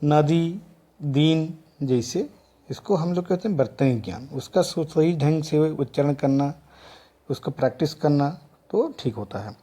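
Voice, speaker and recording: Man lecturing slowly. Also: on the high side, lively intonation, warm tone. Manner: lists examples one word at a time, with restarts. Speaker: teacher educator. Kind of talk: classroom lecture.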